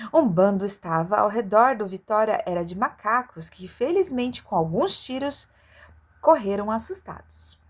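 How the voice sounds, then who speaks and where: A woman with a fairly high voice reads an adventure story aloud for children. Her delivery is expressive and storylike, that of an amateur narrator who occasionally stumbles and corrects herself. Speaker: audiobook reader for children.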